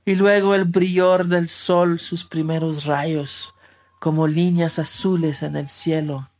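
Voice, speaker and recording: Woman telling a kids story real slow, lowish voice, dry close sound. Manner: slow, expressive, repeats words for effect. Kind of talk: told children's story.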